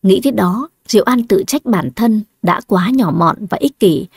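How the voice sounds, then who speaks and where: Audiobook narrator, woman, breathy husky tone, very dry close sound, steady delivery. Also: mid-range voice, dry recording. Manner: steady, measured storytelling. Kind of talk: scripted story narration.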